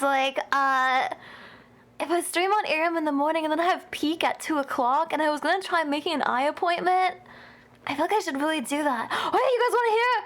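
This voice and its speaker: A woman's voice: sits high, a bit bright. A young woman streamer chatting casually with her chat, giggly and a bit tired, with a headache.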